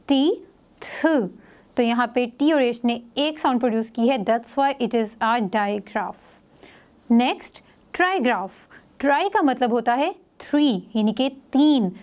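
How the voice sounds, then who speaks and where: A woman with a fairly high, darkish voice teaches phonics to young children, reading English example sentences slowly and explaining each sound in Hindi-Urdu.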